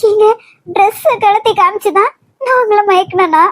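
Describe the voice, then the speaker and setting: A woman voicing a hurt but spirited young wife in an animated cartoon, speaking in earnest, pleading complaints. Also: very high-pitched, moderate pace. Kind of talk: cartoon voice acting.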